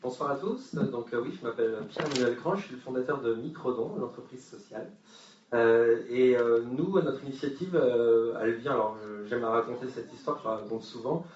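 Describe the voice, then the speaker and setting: A man's voice: medium pitch, brisk, darkish tone, slight background noise. A man giving a talk at a forum, telling an anecdote with humor and many hesitations. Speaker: speaker at a forum. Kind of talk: conference talk. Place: conference hall with audience. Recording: far-off echoey hall, dull sound.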